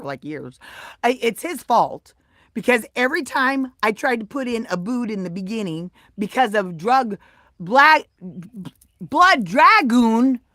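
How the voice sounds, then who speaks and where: A woman chatting casually with her live-stream viewers, swinging from soft mutters to loud, excited, swearing bursts. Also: on the high side, dry recording, clean studio sound.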